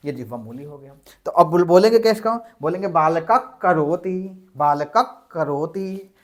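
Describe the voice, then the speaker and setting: A man teaching a Sanskrit grammar lesson, asking and answering his own questions and slowing down to spell out examples. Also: sits high, fairly bright tone. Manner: slows to spell out examples syllable by syllable.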